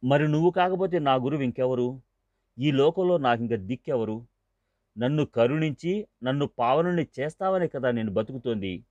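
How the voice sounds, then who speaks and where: A man's voice: expressive, moderate pace, long pauses, no echo, close to an everyday voice. A man reading the part of a weeping, remorseful male devotee who pleads desperately, in a dull, dry recording. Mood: pleading. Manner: pleading, sobbing, higher and strained.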